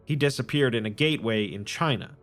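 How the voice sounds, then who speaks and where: A man giving scripted, measured narration of a strange tale. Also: medium pitch, a bit bright. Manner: measured, descriptive storytelling. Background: faint music.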